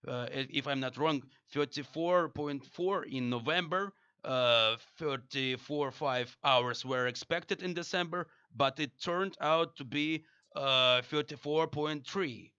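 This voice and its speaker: A man caller asking questions over the phone, halting with many fillers and restarts. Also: mid-range voice, bright, forceful tone, clear, resonant tone, no room sound, highs cut off. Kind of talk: prank call questions.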